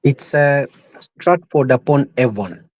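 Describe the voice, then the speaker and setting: A man's voice: medium pitch, slow, darkish tone. A man with a Zambian accent chatting casually as a panelist. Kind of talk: casual chat.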